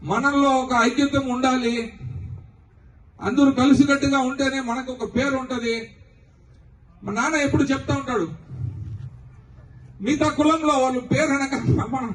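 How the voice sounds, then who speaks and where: Give me a man urging his audience on, heard from a distance in an echoing hall. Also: extremely high pitch. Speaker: speaker at a community gathering. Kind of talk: public speech at a function. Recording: echoey hall from far off.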